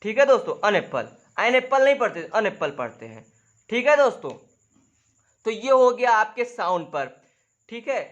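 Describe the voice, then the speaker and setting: Man, grammar teacher, unhurried classroom lesson, keeps checking the class follows, high-pitched voice. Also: fairly bright tone, lo-fi sound. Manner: repeats "dosto" and "theek hai" constantly, drawing on a board; slowly spells out example sentences word by word.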